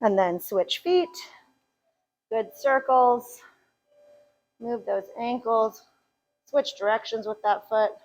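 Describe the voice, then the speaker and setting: A woman's voice: a little high, slow pace, pauses often, darkish tone, poor audio. A woman leading a live chair yoga class, upbeat and joking as she counts reps, a little out of breath at times. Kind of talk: live fitness class instruction.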